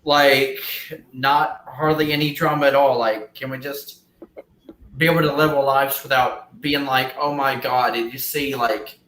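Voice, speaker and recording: A man's voice: medium pitch, fairly even intonation, measured pace, sharp tone, echoey room, poor audio. A man co-hosting a live stream, chatting casually in a rambling way, with lots of fillers and casual swearing. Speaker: stream co-host.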